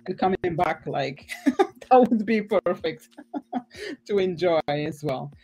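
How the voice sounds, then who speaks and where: A woman's voice: lowish voice, lively intonation, takes it slowly, dark tone, breathy edge, poor audio. A woman from Portugal hosting a casual podcast interview, effusive and chatty. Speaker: podcast host.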